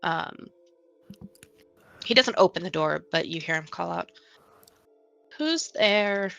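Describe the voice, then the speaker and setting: A woman running a tabletop game as game master, narrating slowly and haltingly with many fillers. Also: low-pitched, creaky, sharp tone, dry recording, lo-fi sound.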